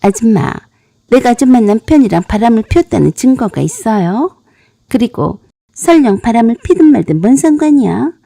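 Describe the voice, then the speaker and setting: A woman's voice: a little high, very animated, moderate pace, vocal fry, warm tone, dry recording, clean studio sound, heavily acted. A woman voicing a brash, mocking young bar hostess in a story narration. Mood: sneering. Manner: sneering, defiant.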